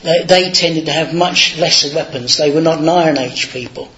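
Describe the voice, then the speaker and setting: A man's voice: a little high, moderate pace, fairly bright tone. A man giving an informal, anecdotal sermon in a chatty, self-deprecating way, on a dull lo-fi recording. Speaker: lay preacher.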